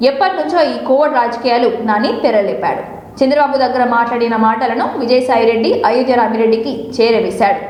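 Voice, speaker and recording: A woman with a Telugu accent reading a scripted news bulletin as anchor, brisk and even. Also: a little high, reverberant, big-room sound, poor audio.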